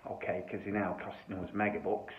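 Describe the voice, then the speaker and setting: Deep-voiced man in a very echoey room. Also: steady tone, a little fast. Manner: conversational, blunt, colloquial. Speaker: property buyer answering questions on video. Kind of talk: informal explainer talk to camera. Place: empty house under renovation, indoors. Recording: echoey bare room, muffled, faint noise.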